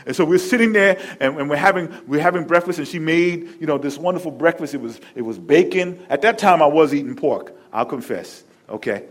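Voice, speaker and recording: A male pastor preaching a sermon, telling stories with lively repetition and asides to the congregation. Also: on the high side, a little fast, few pauses.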